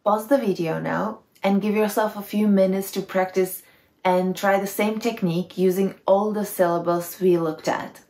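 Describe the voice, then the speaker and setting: A woman's voice: medium pitch, steady tone, normal speed, darkish tone, roomy sound. A woman teaching pronunciation to foreigners, patiently demonstrating sounds with repeated syllables. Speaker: Czech language teacher. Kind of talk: pronunciation lesson.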